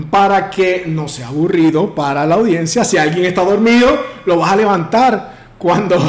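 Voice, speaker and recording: A man coaching on public speaking, projecting his voice firmly with big deliberate swings in pitch. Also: darkish tone. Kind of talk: instructional talk to camera. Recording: roomy echo.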